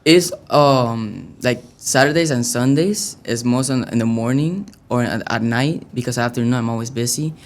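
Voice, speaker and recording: A man's voice: medium pitch, normal speed, hardly any pauses. A young man from Venezuela answering interview questions in a hesitant, casual way with many fillers. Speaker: youth soccer player, guest.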